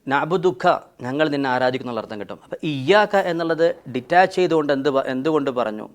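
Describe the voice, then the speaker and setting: A man's voice: medium pitch, animated, quick pace. A man teaching Arabic grammar in a lesson, patiently explaining and reciting conjugations in drilled lists, mixing in English grammar terms.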